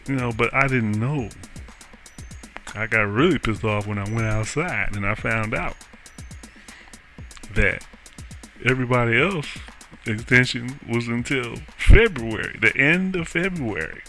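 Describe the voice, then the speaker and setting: A man's voice: mid-range voice, lively intonation, unhurried, pauses often, pushed and bright, soft background music. A man telling a story in an indignant, profane rant, often laughing at his own account.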